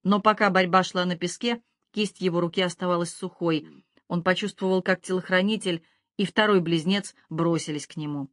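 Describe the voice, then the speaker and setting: Woman reading a thriller audiobook, steady pace, dry close mic. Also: on the low side, normal speed, dry recording. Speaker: audiobook narrator. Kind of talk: scripted narration.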